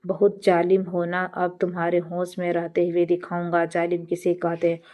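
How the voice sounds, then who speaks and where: A woman's voice: lowish voice, monotone, moderate pace, phone-quality sound, natural voice. A woman reading the lines of a cruel, possessive young man in a story narration, with a cold, taunting delivery. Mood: menacing.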